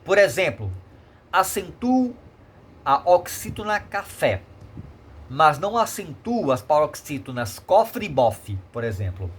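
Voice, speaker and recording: Lively Brazilian male teacher. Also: a little high, slow pace, slightly rough. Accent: Brazilian Portuguese. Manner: repetitive, explanatory, checks in with tag questions. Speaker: Portuguese teacher. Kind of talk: remote classroom lesson.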